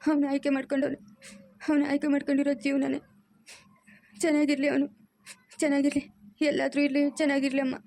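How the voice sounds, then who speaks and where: Woman acting as a stern hurt mom in a family drama, high voice, kinda flat delivery, dry close sound. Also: no echo, lightly acted. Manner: scolding, lecturing firmly. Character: aging mother, stern and wounded. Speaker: mother-in-law.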